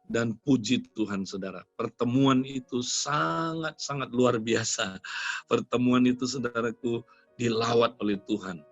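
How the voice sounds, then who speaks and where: A man's voice: mid-range voice, unhurried, creaky, no echo. Casting: older male preacher, storytelling sermon, dull dry recording with faint music under it. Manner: storytelling preaching, constantly addressing listeners as "saudara". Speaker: pastor.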